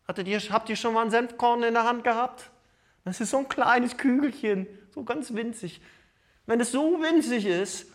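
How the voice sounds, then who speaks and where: A male pastor preaching a sermon, swinging from loud emphatic lines to hushed asides. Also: sits high.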